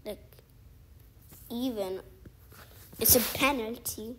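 A young woman creating gaming videos, from outside the featured countries, offers relaxed commentary on her mobile football game while rambling, restarting and saying "like" frequently. Her slightly high voice takes its time, with a bit of background noise.

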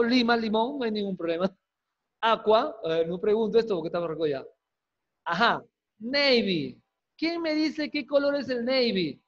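A man teaching an English class online, lively and coaxing, quizzing students with quick questions and jokes. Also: very high voice. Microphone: video call. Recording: dull lo-fi video call audio.

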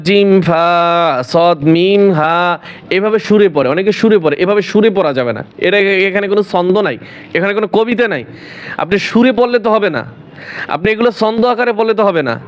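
High-voiced man teaching Arabic letters. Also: animated, fairly quick. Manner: calls out letters one by one, patient explaining. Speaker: Quran reading teacher. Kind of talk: home lesson on Arabic letters.

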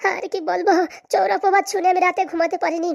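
A scheming young daughter-in-law pours out her complaints in a fast, high voice, as a woman acts her out. Every sentence comes out self-pitying. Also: level tone, gravelly. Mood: aggrieved. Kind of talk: cartoon comedy voice acting.

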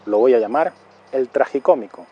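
Speaking in a warm, mid-range voice on dull-sounding audio, a middle-aged man reviews films in monologue form. He takes his time and repeats titles and years to stress them.

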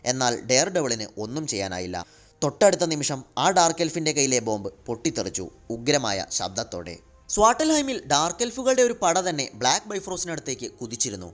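Animated man narrating a comic story. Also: medium pitch, fast talker, soft background music.

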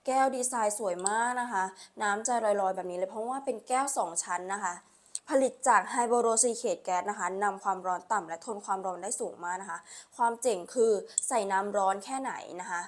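A woman selling on a live stream, with a repetitive, urging sales pitch full of polite particles. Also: a little fast. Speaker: live-stream online seller.

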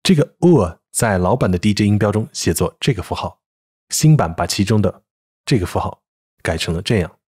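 A man teaching English pronunciation in a clear, measured scripted lesson, reading example words slowly. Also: lowish voice, expressive, a little mellow.

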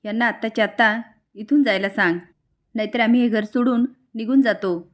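A woman reading the lines of a scheming young sister-in-law in a serial recap, with a cunning, sharp way of speaking. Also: a little high, fairly even intonation, a little fast, lightly acted.

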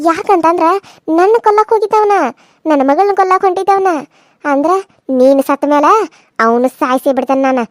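A woman's voice: sits high, a little mellow, no room sound, studio quality. A woman voicing a vengeful, menacing village wife in a cartoon serial, taunting. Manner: taunting, threatening.

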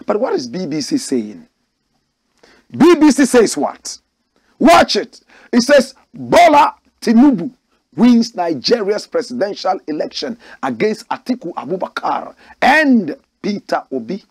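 Emphatic, lively-voiced male commentator. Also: high voice, a little slow, slightly rough, no room sound. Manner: emphatic, preachy, rhetorical questions and repeated words. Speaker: show host and commentator. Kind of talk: political commentary reading a news article aloud.

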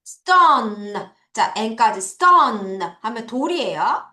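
A woman teacher giving an online vocabulary lecture, drilling pronunciation by slowly repeating words for her students. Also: on the high side, big pitch swings, sharp tone. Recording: echoey room.

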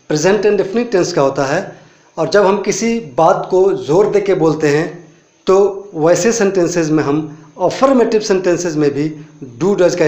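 A man from India teaching a spoken English lesson, explaining step by step with many rhetorical questions and saying English example phrases slowly. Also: high-pitched. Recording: echoey room.

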